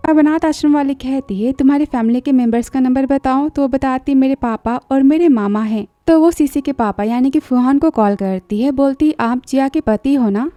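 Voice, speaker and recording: A woman's voice: sits high, normal speed, few pauses, mellow, no room sound. A woman narrating a drama recap in a chatty storytelling way, briefly acting out the characters' lines.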